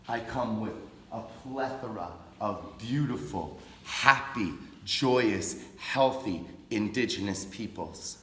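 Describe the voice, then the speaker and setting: Male public speaker, lowish voice, very measured pace, solemn and earnest, echoey hall with faint ambience. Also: slight background noise. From raised on a reservation in the United States. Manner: slow, deliberate, solemn delivery with long pauses. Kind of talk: impassioned public speech.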